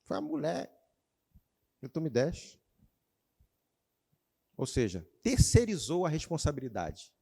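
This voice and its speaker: A man preaching to his congregation with a lively, swooping voice that sits a little high. He calls out questions and asks the people to repeat his words, moving from loud exclamations to quiet, low passages. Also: slow pace, pauses often. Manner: animated preaching, calls out to the congregation, shifts between shouting and quiet. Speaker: pastor. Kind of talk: sermon. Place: church.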